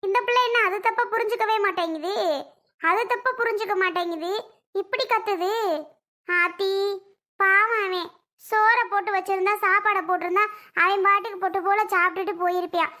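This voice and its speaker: A performer with a very high, bright voice plays a fretting middle-aged mother-in-law in a family comedy skit, pleading and scolding by turns. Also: steady tone, a little fast. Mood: exasperated.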